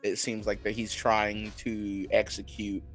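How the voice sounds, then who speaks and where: A man's voice: on the low side, monotone, measured pace, a bit bright, soft background music. A man co-hosting an anime podcast, laid-back and laughing often, with casual swearing. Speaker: podcast co-host. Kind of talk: casual chat.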